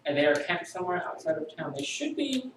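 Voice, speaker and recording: A man narrating a tabletop game as dungeon master, halting and repeating his words with fillers. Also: high voice, big pitch swings, fairly bright tone. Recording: echoey room, far from the mic, faint hiss.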